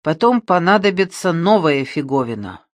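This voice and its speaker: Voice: mid-range voice, sing-song, normal speed, no room sound, close to an everyday voice. A reader voicing a smug, scheming male demiurge who lectures in a self-satisfied way, told as a storybook. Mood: smug, lecturing.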